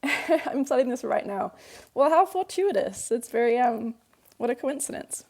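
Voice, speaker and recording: Here a woman who grew up speaking English works patiently through a workbook lesson, example by example, restating what matters most. She speaks at a moderate pace in a fairly high, expressive voice that's slightly mellow, with some vocal fry.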